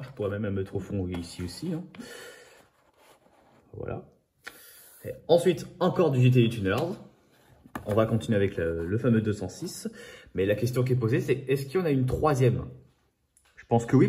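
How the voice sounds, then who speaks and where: A man's voice: medium pitch, mellow. A man in a casual, rambling video chat about his toy car collection, often saying "voilà". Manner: apologises for his own accent.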